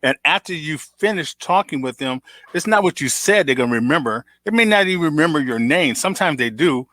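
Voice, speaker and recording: A man's voice: on the high side, animated, fairly quick, bright, forceful tone, dry recording. A man hosting an interview, speaking in an affirming, conversational way. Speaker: host.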